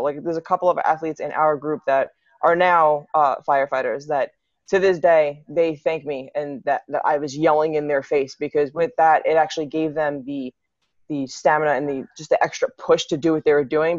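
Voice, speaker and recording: A young adult woman, employed as a city EMT and fitness coach, speaks in a low-pitched, darkish voice during a relaxed podcast chat, repeatedly restarting her sentences. The recording is dry, dull, and lo-fi.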